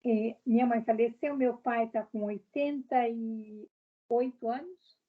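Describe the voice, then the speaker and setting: A woman's voice: a little high, fairly even intonation, takes it slowly, narrow, tinny audio. A woman from Brazil, a guest in a casual interview, speaking directly and explaining her views with examples.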